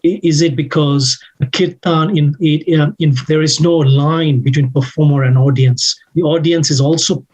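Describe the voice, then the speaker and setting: A man's voice: on the high side, steady tone, normal speed, few pauses, a little mellow, husky. A man raised in Malaysia, hosting an interview, listening closely and asking long, careful questions. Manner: attentive, frequent murmured agreement. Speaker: interviewer, host. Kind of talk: interview conversation.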